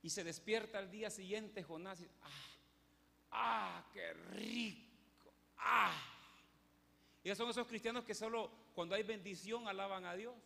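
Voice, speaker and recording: A man preaches in a high, bright voice with a gravelly edge. He tells a story emphatically and acts out its characters. His voice echoes through a church hall. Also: fast talker, few pauses. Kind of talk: sermon.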